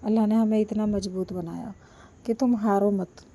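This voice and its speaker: A woman vlogger with a sore throat, talking slowly and softly to her viewers and pleading for their support, recorded without a microphone. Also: mid-range voice, fairly even intonation, a little hiss or hum. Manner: slow, soft-spoken, pleading. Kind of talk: casual chat to viewers. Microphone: no microphone, built-in device mic.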